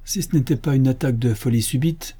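A man's voice: medium pitch, sing-song, normal speed, dark tone, husky. A man voicing a brawling, boastful bandit who roars his defiance at the police. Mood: stiff protest. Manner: roaring, defiant.

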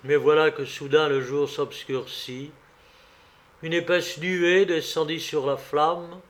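A man reads a folk tale aloud at an unhurried pace. His voice sits somewhat high for a man. The reading is measured and even. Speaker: narrator. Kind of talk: storybook reading.

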